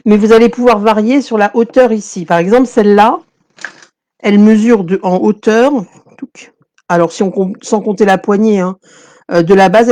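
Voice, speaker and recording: A woman's voice: mid-range voice, dark tone. A woman hosting a live craft tutorial, chatting casually with viewers and full of fillers and restarts as she explains her project. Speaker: crafting demonstrator.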